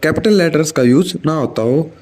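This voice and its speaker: A man's voice: fairly high pitch, normal speed, a little mellow. A man with an Indian accent teaching English grammar in a lecture, explaining rules in Hindi and reading out English example sentences. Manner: mixes Hindi with read-out English examples, addresses viewers as "saathiyon".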